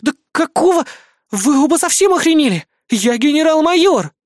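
A reader voicing a haughty, tiny female pop idol who holds a general's rank, indignant and quick to snap. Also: medium pitch, a little mellow, dry recording, clean studio sound, pitched above the performer's own voice, natural voice. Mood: irritated. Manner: snappy, indignant, easily irritated. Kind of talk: audiobook character voice.

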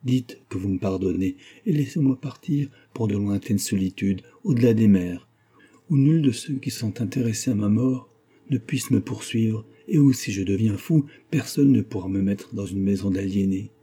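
A man reading a pleading, lovesick gentleman. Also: lowish voice, moderate pace, breathy edge. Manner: passionate and pleading. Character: anguished middle-aged gentleman in love. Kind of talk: audiobook reading.

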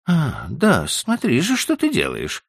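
A man reading an audiobook, voicing an excitable, fussy young wife with high, shrill exclamations. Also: unhurried, creaky, husky, no room sound, clean studio sound, full character voice. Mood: exasperated.

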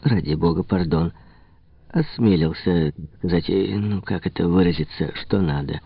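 A man's voice: sits low, moderate pace, breathy edge, no echo. A man voicing a lovesick, pompous shop clerk who stumbles through flowery, mock-polite phrases, in a slightly dull lo-fi recording. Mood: fawning.

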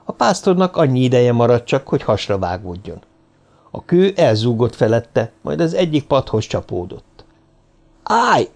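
Brief: male audiobook narrator, mid pitch, steady even delivery. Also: gravelly.

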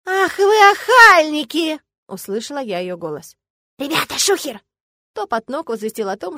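A woman's voice: mid-range voice, darkish tone, dry recording. A woman narrating a first-person fantasy audiobook on a close studio mic.

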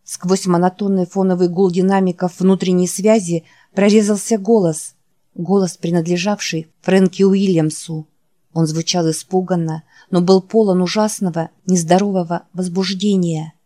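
A woman reading an audiobook in a measured, dramatic narration. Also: lowish voice, fairly even intonation, warm tone. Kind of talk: scripted narration.

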